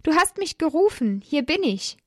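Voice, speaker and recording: A woman's voice: high voice, sing-song, normal speed, fairly bright tone, no room sound, clean studio sound, pitched above the performer's own voice. A woman voicing the young boy Samuel, eager and obedient, in a raised, boyish voice for a storybook.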